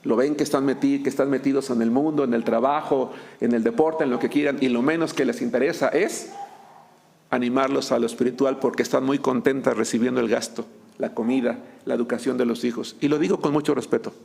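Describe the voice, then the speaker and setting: A man's voice: mid-range voice, steady tone, fairly quick, vocal fry, darkish tone. A man, a pastor preaching a sermon, joking and acting out little scenes between husbands and wives. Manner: humorous, acts out couples' dialogue.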